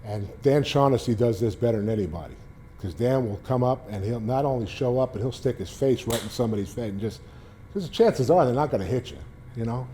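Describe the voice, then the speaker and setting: Man, 60s, Boston accent, warm low-key voice, rambling anecdotal talk, faint rumble. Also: expressive, a little fast. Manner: rambling anecdotes with frequent restarts and fillers. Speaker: guest speaker, former sports beat writer. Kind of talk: casual storytelling talk to a library audience. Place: public library talk.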